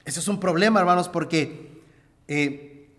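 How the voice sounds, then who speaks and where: Man, preacher, sermon, storytelling, fairly high voice, long hall echo. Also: measured pace, fairly bright tone. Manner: storytelling, addresses listeners directly. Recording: echoey hall reverb.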